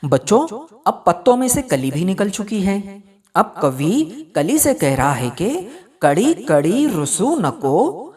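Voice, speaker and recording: Slow, lively-voiced woman teacher. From India. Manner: reads a poem line by line, then explains it to children; sing-song, slow recitation with lively pitch. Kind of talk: recorded school lesson.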